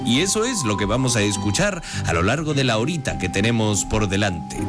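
Theatrical, swooping vampire radio host. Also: male voice, mid-range voice. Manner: theatrical, mock-humble, courteous. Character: hammy, courteous male vampire radio host. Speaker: comedy show presenter. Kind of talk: theatrical comedy radio presenting.

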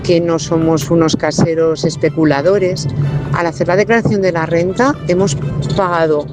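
A woman, a caller leaving a calm, matter-of-fact recorded message. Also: lowish voice, normal speed, loud music behind the voice. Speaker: radio caller, landlady.

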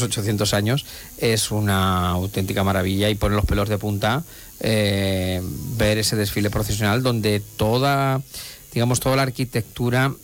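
A middle-aged man with a fairly low voice speaks on a radio programme. He talks in long, eloquent, winding sentences and often restarts his phrases. He is a station director from Spain. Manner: eloquent, discursive, with frequent restarts. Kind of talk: reflective radio conversation.

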